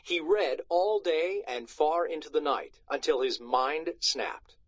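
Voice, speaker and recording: Reading a storybook aloud to schoolchildren, a man narrates in an expressive, dramatic way, slowly and with a slightly high voice. The recording is slightly muffled but has no echo.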